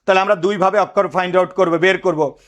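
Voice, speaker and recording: High-voiced man drilling students. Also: fairly even intonation, quick pace, fairly bright tone, lo-fi sound. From Bangladesh. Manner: drills students with repeated questions. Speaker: teacher. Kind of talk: lecture.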